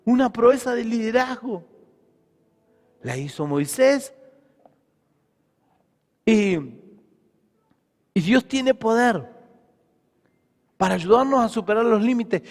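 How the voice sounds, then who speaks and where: A man's voice: very high voice, darkish tone, big-room sound. A man preaching a sermon as pastor, with a Rioplatense Spanish accent, emphatic and full of rhetorical questions.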